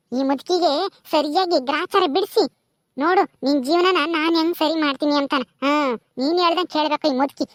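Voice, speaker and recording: A woman voicing the ghost of a dead first wife, scolding and vengeful, in a lower voice. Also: no room sound, lightly acted.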